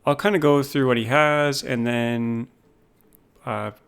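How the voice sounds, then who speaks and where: A man casually talking through a game base, thinking aloud with frequent pauses. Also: medium pitch, steady tone, fairly bright tone, clear, resonant tone. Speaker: gaming YouTuber. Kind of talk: casual gameplay commentary.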